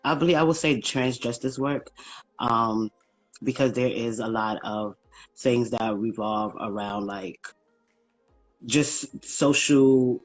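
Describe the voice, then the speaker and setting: Ny accent dude from brooklyn, chatting casually on a live stream, stops and starts a lot. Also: male voice, mid-range voice, steady tone, soft background music, poor audio. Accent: New York. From Brooklyn, New York. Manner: halting, many ums and likes. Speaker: guest, small business founder. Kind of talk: casual livestream interview. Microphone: phone livestream.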